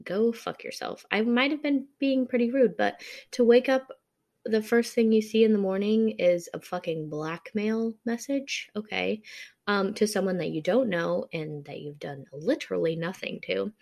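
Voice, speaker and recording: A woman's voice: mid-range voice, moderate pace, creaky, darkish tone. A young adult woman hosting a casual solo podcast, rambling with lots of ums and sounding a bit frazzled. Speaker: podcast host.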